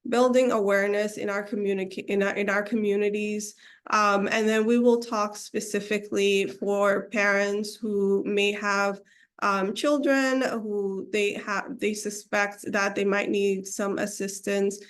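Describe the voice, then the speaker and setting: A woman with a mid-range voice, from Seattle with Somali as her first language, gives an online community webinar over a video call. She's recovering from a cold and sounds hesitant, full of ums and restarts in the middle of phrases.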